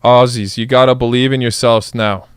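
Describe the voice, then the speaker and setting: Cheering and chanting, a young man reacts excitedly to a live football game on stream, talking to his chat as "guys." He speaks at a normal speed with a medium pitch and a steady, clean tone. There is no room sound, and the audio is studio quality.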